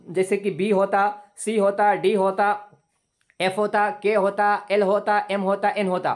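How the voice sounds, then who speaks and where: Guy teaching english online, patient, repeats words slow over and over, video call mic. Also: sits high. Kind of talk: online lesson explaining grammar rules. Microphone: computer mic on a video call.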